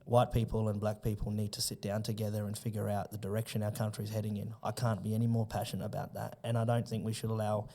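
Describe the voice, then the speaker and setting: Aussie guy guest on a podcast, low mellow voice, earnest, keeps repeating himself. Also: monotone. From Australia. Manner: earnest, halting, repeats words. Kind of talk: casual podcast conversation.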